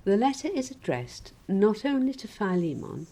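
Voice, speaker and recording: A woman preaching a sermon in a measured, gently wry reflective way. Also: mid-range voice, very animated, low-quality recording.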